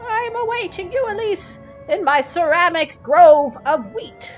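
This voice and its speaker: A woman voicing a sinister, greedy crow in a game, with a shrill, screeching, theatrical delivery that repeats its cries. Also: animated, measured pace, lo-fi sound, faint music behind. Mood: menacing. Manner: repeats each cry twice. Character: shrieking sinister male crow, greedy and menacing. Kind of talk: game voice acting.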